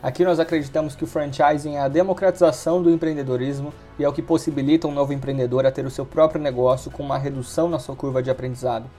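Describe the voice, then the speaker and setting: A man's voice: fairly high pitch, dark tone. A man from Brazil hosting a podcast, reading a polished, upbeat intro and then asking questions. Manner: polished, upbeat presenter delivery. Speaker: podcast host. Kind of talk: scripted intro and interview.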